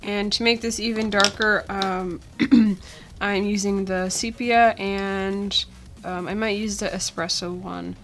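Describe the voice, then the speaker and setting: A young woman with a medium-pitched voice hosts a drawing tutorial from her desk indoors, speaking slowly over soft background music. She's relaxed and chatty, full of ums and uhs, and her voice is still weak from a cold.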